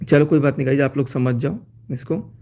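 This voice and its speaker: A man's voice: medium pitch, fairly even intonation, fairly quick, vocal fry, warm tone. Aggrieved young man on a phone live stream. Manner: aggrieved, explaining while showing phone chats. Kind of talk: casual live-stream talk.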